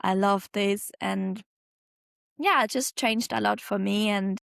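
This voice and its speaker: Young woman with a German accent, podcast guest, talkative, slight fry in the voice. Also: mid-range voice, slow, no room sound, studio quality. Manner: chatty, lots of fillers, laughs easily. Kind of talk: casual interview storytelling.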